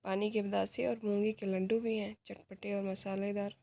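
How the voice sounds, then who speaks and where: A woman's voice: medium pitch, little pitch movement, normal speed, gravelly, dark tone, lightly acted. A woman reading aloud the part of a cheerful, indulgent young uncle in a play. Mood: teasing.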